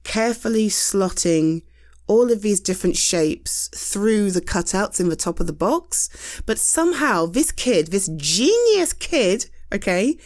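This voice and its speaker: A British audio roleplay performer delivers a chatty, rambling monologue, reassuring a friend with self-deprecating humor. She sounds tired but stays animated and unhurried at a medium pitch, swearing casually and laughing often.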